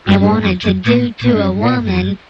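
A man voicing an anonymous male informant through a digitally altered disguised voice, telling his story in a slow, formal, overwrought way. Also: high voice, steady tone, gravelly, highs cut off, over a noisy crowd. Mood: solemn. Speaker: guest informant. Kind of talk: radio comedy bit.

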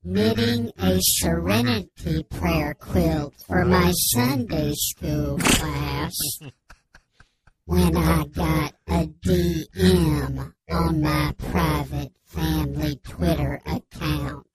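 Brief: a woman as anonymous radio guest, disguised deep voice filter, crawling slow deadpan delivery. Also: a loud crowd, exaggerated voice, low-quality recording. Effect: voice-disguising filter, slowed and deepened.

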